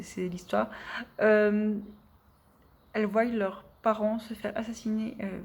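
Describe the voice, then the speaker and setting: A woman's voice: medium pitch, slight background noise. A young woman book vlogger talking casually at home into a camera mic, rambling and enthusiastic, with many fillers and restarts. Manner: enthusiastic, gushing. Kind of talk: casual chat.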